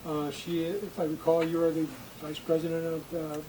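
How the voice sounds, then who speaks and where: A man hosting, introducing a speaker in a halting, informal way. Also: a little high, completely flat delivery, mellow, a little hiss or hum, low-quality recording. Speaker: host.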